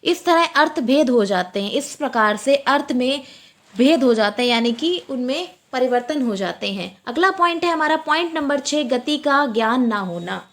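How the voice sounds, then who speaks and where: A woman teaching an exam-prep lecture, repeating each point slowly and asking and answering her own questions. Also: high voice, animated.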